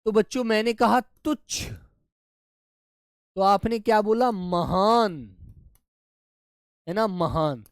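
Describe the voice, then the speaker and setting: Slow-spoken Hindi teacher drilling children. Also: male voice, sits high, clean tone, no echo, studio quality. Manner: repeats each word slowly, addressing children warmly as "pyare bachche". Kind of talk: live online class lesson.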